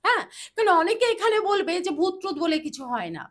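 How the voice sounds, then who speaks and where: High-voiced woman telling a dramatic story. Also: very animated, a bit bright. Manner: dramatic storyteller, chants mantras slowly. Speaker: astrologer guest. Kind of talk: storytelling in a podcast interview.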